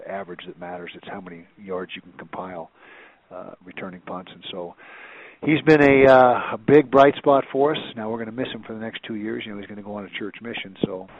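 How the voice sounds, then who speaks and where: A man, a college football head coach, answering reporters' questions on a teleconference, rambling with many restarts and fillers. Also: on the low side. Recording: tinny phone line.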